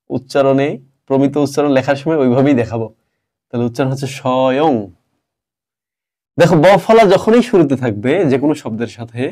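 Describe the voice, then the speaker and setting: A man's voice: mid-range voice, warm tone. Man teaching a grammar lesson. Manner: explains step by step, asks the class questions.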